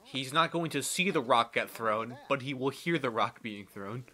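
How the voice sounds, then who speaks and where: A man's voice: medium pitch, expressive, normal speed, pushed and bright. A man hosting a gameplay video with joking, sarcastic commentary, mock exasperation and exaggerated, overacted exclamations.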